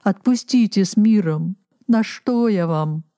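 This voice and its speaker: Brief: woman reader doing an old man, begging and wailing, drawn-out whine. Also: on the low side, lively intonation, mellow, no echo, studio quality. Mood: pleading. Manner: whining and imploring, drawn-out.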